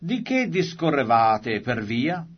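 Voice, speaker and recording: A grave, authoritative teacher speaks in a solemn, measured way, voiced by a man reading scripture aloud. The voice sits at an ordinary middle pitch. The sound is a little dull and lo-fi. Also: very animated, breathy edge, heavily acted. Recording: slightly dull lo-fi recording.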